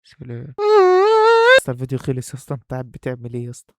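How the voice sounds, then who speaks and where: The delivery is rapid-fire and completely flat, with a medium pitch and sharp tone, from a young Egyptian YouTuber casually joking with viewers in a vlog. He wears a face mask that muffles his voice, and he breathes hard through it. His Egyptian Arabic accent comes through on a dry, clean studio recording.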